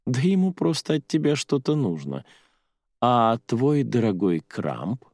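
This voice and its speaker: A man's voice: medium pitch, very animated, a little slow, a little mellow, dry recording, pitched above the performer's own voice. Inner voice, mocking and preachy, read by a man, close dry mic. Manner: mocking, lecturing. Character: mocking inner voice of a young woman.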